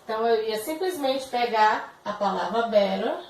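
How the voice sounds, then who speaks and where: A woman's voice: on the high side, animated, normal speed, reverberant, far from the mic, poor audio. A woman with a Brazilian Portuguese accent, an English teacher giving a recorded video lesson and patiently checking that students follow. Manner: patient, checks understanding often.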